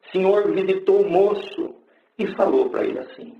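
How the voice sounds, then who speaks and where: A middle-aged preacher shares his testimony in a church sermon, speaking plainly and colloquially. His creaky, expressive voice sits high and moves at a moderate pace; the lo-fi recording is echoey and dull.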